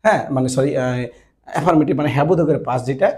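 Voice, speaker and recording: A man with a fairly high, light voice teaches a grammar lesson. He repeats each rule several times and keeps checking that his listeners follow. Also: very fast, a little mellow. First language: Bengali. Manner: repetitive, checks understanding often. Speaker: Japanese language teacher. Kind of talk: classroom-style grammar lesson.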